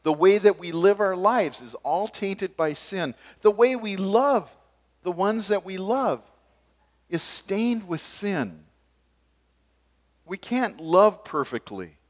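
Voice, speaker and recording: An older man preaching a sermon from a church pulpit, gesturing as he moves between forceful emphasis and sudden quiet asides. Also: high voice. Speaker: pastor. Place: church stage behind a wooden pulpit.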